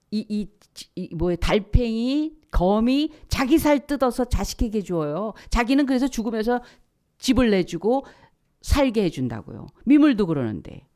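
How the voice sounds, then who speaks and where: A woman pastor delivers a church sermon in a lively voice that rises and falls widely. She leans on rhetorical questions and repetition. Her medium-pitched voice sinks at times into a breathy whisper. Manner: animated preaching that drops to hushed, breathy whispers. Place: church service.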